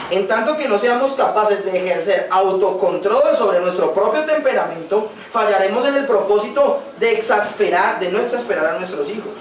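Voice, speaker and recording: A man's voice: high voice, slight background noise. A male pastor preaching a sermon earnestly, now and then acting out quoted dialogue. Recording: roomy distant sound, recorded without a microphone.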